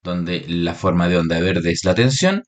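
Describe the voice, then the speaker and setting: A man teaching electronics through a screen-recorded software tutorial, explaining each step and checking in with frequent short questions. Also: sits low, animated, moderate pace.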